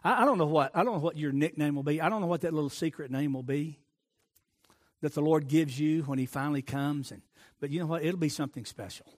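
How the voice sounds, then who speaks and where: A middle-aged man preaching a sermon as pastor, swinging from loud emphatic lines to hushed asides and repeating phrases for emphasis. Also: a little high, quick pace.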